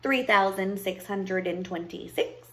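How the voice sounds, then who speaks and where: A woman voicing a terrible, miserly witch in a fairy tale, slow, indifferent and menacing. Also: mid-range voice, natural voice. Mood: cold indifference. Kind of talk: storybook character voice.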